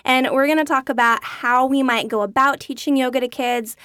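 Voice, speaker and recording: A woman's voice: high-pitched, fairly even intonation, brisk, fairly bright tone, smooth, no room sound, studio quality. A woman hosting a podcast in a chatty, upbeat way, often laughing as she talks. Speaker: podcast host. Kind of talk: casual podcast chat.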